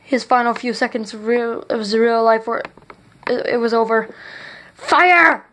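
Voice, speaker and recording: A woman's voice: fairly high pitch, level tone, normal speed. A woman reading aloud a chapter of her own adventure story, earnest and stumbling on some words. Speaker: author reading own book.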